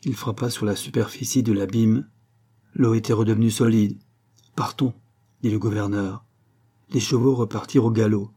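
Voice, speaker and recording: A man reading a story aloud as narrator, with measured, grave delivery. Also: on the low side, steady tone, mellow, slightly rough. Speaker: audiobook narrator.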